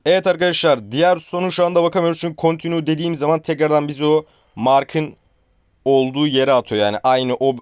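A man's voice: mid-range voice, clear, resonant tone, no room sound. Chatty man narrating a horror game. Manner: chatty, joking, addresses viewers as friends; shouts and pleads at a game character. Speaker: gaming YouTuber.

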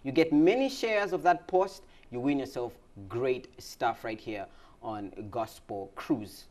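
Brief: cheerful male show host, casual banter, average pitch. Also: takes it slowly, darkish tone. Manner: upbeat, laughs often. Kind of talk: casual interview chat.

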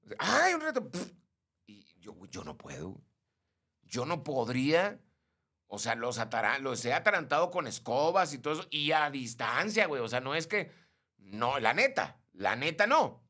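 A man's voice: medium pitch, moderate pace. A young Mexican man hosting a casual live stream, reading and greeting viewers by name. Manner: animated, greets viewers by name, mimics shrieks.

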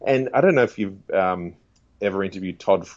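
Guest, man, fairly low chatty voice, muffled lo-fi sound. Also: moderate pace, darkish tone, no room sound. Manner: chatty, laughs often, stammers restarts. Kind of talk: casual interview chat.

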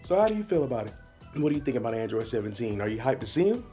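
A man's voice: mid-range voice, big pitch swings, rapid-fire, warm tone, soft background music. A young man giving casual, slangy vlog commentary, often throwing out questions to his viewers. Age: young adult. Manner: informal, slangy, rhetorical questioning. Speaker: host of an anime discussion channel. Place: small indoor room with posters on the walls.

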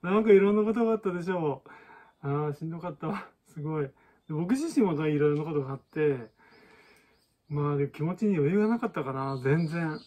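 Male balloon-art teacher, slightly husky, casual and chatty. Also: a little high, lively intonation, fairly quick, dark tone. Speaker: balloon artist. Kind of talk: casual tutorial chat.

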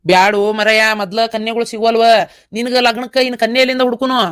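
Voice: mid-range voice, fairly even intonation, quick pace, fairly bright tone, smooth, dry recording, clean studio sound, close to an everyday voice. A performer voicing a village uncle with a North Karnataka accent, trying to talk his nephew out of joining the army in a cartoon. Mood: coaxing. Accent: North Karnataka Kannada. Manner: coaxing, reasoning. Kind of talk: cartoon voice acting.

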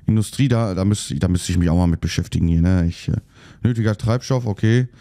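A man's voice: low-pitched, quick pace, warm tone, dry recording, studio quality. A man chatting casually while playing a game, muttering to himself and getting annoyed easily. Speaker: let's play host. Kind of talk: casual gameplay commentary.

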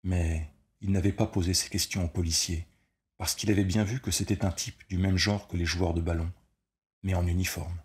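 A man narrating a short story as an audiobook reader, measured and steady. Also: low voice.

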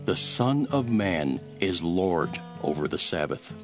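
An actor playing Jesus as a calm, authoritative teacher in a dramatised scripture reading, measured and solemn. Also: male voice, deep voice, music in the background, heavily acted. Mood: firm.

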